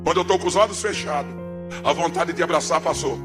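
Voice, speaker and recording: A man from Pernambuco, giving a dramatic testimony sermon in a church, swinging between hushed and shouting. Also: a little high, quick pace, music in the background. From Pernambuco, Brazil.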